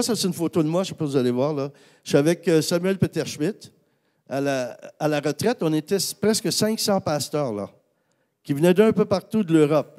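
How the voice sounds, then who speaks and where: A pastor with a Québécois accent tells a personal story during his sermon. His voice is a little high, and he's animated, using lots of fillers and restarting often.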